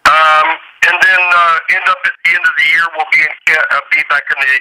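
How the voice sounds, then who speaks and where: Man on a phone line, very bright and dry, relaxed rambling musician guest, lots of "you know". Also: a little high, a little fast, dry recording. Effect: heard over a phone line. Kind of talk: casual phone interview. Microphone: telephone.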